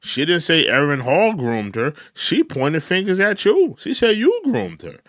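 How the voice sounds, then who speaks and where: Speaking at a measured pace with big pitch swings, this thirty-something commentary host has a slightly high voice, recorded dry with clean studio sound. He reacts with incredulity, repeats his points, and speaks directly to the person he's criticizing.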